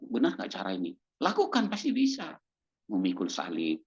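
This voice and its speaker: A man's voice: deep voice, wildly swooping pitch, moderate pace, a little mellow, husky. A man preaching a sermon who acts out little dialogues as he goes. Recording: dull lo-fi recording.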